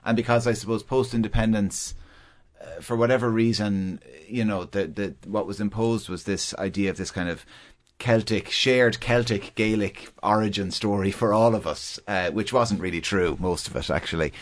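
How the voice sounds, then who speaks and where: A man's voice: fairly low pitch, moderate pace. A man hosting a panel discussion, asking probing, musing questions. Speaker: host.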